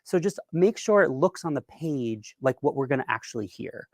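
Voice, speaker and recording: Speaking from a dry room with no room sound, a man delivers an informal instructional keynote for a virtual event in studio quality. His mid-range voice has lively intonation and a moderate pace, and his explanations are conversational and somewhat hesitant.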